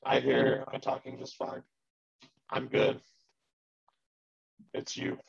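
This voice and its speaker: A man's voice: monotone, slow pace, gravelly. Man on a glitchy robotic call line. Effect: glitchy robotic audio breaking up, jumping pitch. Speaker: sports podcast co-host. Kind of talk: casual chat, football picks. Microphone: video call. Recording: dull lo-fi call audio.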